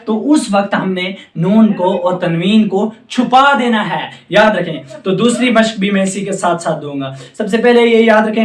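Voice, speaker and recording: A man with a high, light voice teaches recitation at a board. He drills each sound slowly and keeps repeating reminders to remember. The room rings with echo, and he stands some distance from the mic. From Jammu and Kashmir. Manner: patient, repetitive drilling of sounds, often says remember. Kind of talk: tajweed lesson at a board. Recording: echoey room, speaker away from mic.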